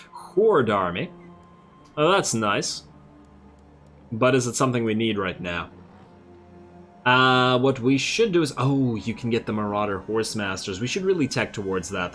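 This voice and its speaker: Male let's play host, laid-back strategy commentary, thinking out loud over faint music. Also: medium pitch. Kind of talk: casual strategy game commentary. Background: game music.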